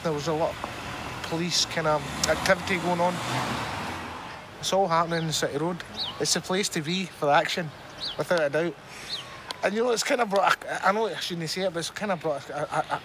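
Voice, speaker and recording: A man's voice: on the high side, fairly even intonation, a little fast. A man with a Scottish accent talking candidly and informally in a documentary, in a matey way, often repeating his phrases. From Scotland. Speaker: restaurant owner being filmed for a documentary. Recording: clear background noise on location.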